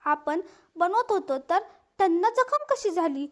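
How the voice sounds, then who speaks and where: An anxious young wife with a very high voice, as a woman reads her lines. She speaks in a pleading, worried way. She is a figure in a spoken family story. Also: lively intonation, a little slow.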